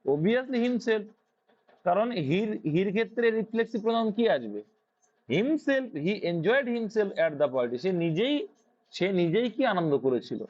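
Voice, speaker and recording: In a dull, lo-fi recording, a Bengali-accented man tutors students in English grammar, asking questions he then answers. He speaks high with big pitch swings, at a measured pace, in a darkish tone.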